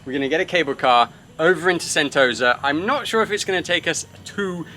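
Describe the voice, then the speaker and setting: Young travel vlogger, bright and a bit high, upbeat chatty host on a handheld camera. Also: male voice, expressive, fairly quick. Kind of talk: casual vlog narration. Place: outdoors and in a cable car.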